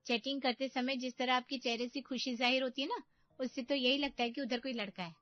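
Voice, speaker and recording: A woman's voice: sits high, fairly even intonation, fairly quick, highs cut off, pitched above the performer's own voice, natural voice. A woman voicing a sly young married daughter who needles her sister-in-law with insinuations.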